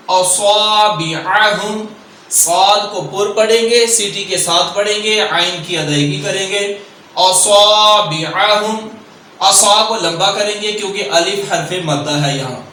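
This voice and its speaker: A man with a high, bright voice teaches recitation, moving between plain explanation and slow, stretched chanting of verses. The room is very echoey and the mic sits at a distance. There is a faint hiss behind him. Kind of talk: tajweed lesson with slow recitation.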